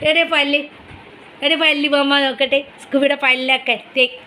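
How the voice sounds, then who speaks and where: A woman filming a home vlog on her phone, talking in sing-song baby talk to her dog and chatting casually to viewers. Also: normal speed. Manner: high sing-song baby talk to the pet, then calm chat to viewers. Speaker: vlogger, dog owner. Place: home, near the kitchen. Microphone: phone camera.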